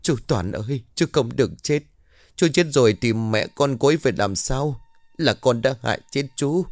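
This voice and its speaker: A man's voice: mid-range voice, animated, moderate pace, no room sound, clean studio sound, voice pushed up, natural voice. A man voicing a young servant girl who pleads and cries out in grief. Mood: sobbing.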